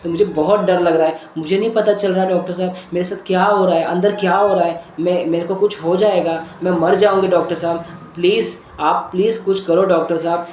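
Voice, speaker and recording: A man's voice: high-pitched, steady tone, fairly quick, a little mellow, reverberant, a little hiss or hum, lightly acted. A man voicing a frightened pleading mother. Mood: pleading, anxious. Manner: pleading, repetitive, breathless worry. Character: frightened weeping middle-aged mother patient.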